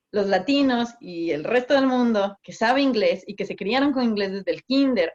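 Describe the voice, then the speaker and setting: A woman on a video call, explaining in an animated way with examples and laughs. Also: medium pitch. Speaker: guest, migration office worker in Australia. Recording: muffled video call audio.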